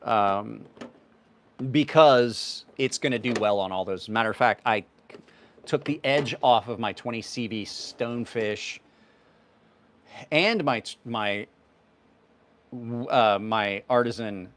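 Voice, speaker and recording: Slow and often pausing, a man with a mid-range voice hosts a knife livestream in his fifties. He answers viewers' questions casually, in a rambling, offhand way.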